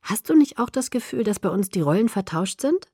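A calm young man who teases with quiet amusement, as a woman reads him in an audiobook. The sound is close and dry, with no room around it. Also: medium pitch, brisk, slightly rough, dry recording. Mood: calmly teasing. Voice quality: calm, gently teasing. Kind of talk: audiobook reading.

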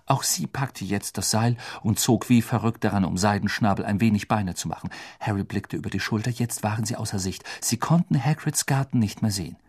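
A man reading a fantasy audiobook aloud, expressive storytelling that voices all the characters. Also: fairly low pitch, brisk, few pauses, slightly rough. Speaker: narrator.

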